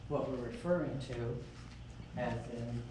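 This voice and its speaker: A man's voice: medium pitch, measured pace. A man chatting casually during an informal investigation. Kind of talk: casual chat. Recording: very echoey, distant mic, noisy background.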